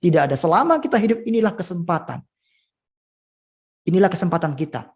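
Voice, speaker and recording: Lively storytelling male preacher. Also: brisk, slightly rough. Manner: storytelling, lively swings in pitch and loudness. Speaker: pastor. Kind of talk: sermon. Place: school event.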